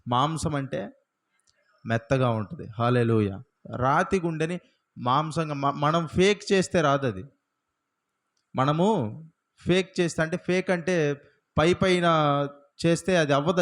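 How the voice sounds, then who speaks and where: A man's voice: a little high, a bit bright. A male pastor preaching a sermon, firing rhetorical questions at the congregation and punctuating points with repeated hallelujahs.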